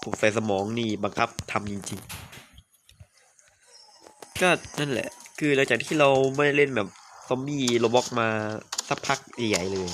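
A man giving gameplay commentary at home at night, keeping his voice hushed and low. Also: normal speed, long pauses, noisy background. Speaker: game streamer.

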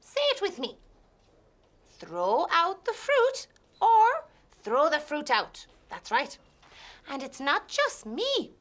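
An actress playing a put-upon hotel worker who complains chattily about throwing out food in a scripted comic sketch. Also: female voice, sits high, wildly swooping pitch, very slow, long pauses, a bit bright, heavily acted. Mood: grumbling.

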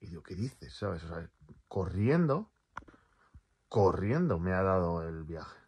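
Low-voiced rambling man. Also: big pitch swings, a little slow, darkish tone, breathy edge. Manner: rambling, repeats words, swears casually. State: in pain from a torn calf. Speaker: vlogger. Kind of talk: casual personal vlog.

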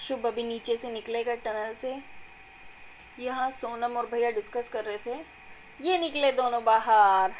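A young adult woman, a vlogger and mother, narrating her family video in a chatty, doting, excited voice-over. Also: on the high side, measured pace, a little hiss or hum, poor audio. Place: recorded apart from the filmed scene.

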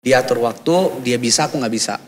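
A man's voice: mid-range voice, brisk. A man in his thirties telling a personal faith story in casual chat, acting out the voices of people in it. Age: 30s. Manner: lively storyteller, acts out quoted dialogue. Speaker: guest.

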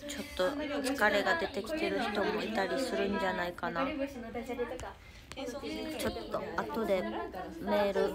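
A teenage girl with a Kansai accent chatting casually on a livestream, reading out viewer comments and thanking fans. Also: medium pitch. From Japan. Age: teens. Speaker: idol livestream host.

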